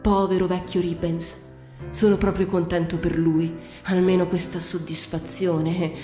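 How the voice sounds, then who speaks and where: A woman voicing a touchy, jealous aging male composer who is wary and quietly pleased when a rival fails, in a read-aloud story. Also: on the low side, little pitch movement, measured pace, natural voice. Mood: guarded. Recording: roomy reading with faint music.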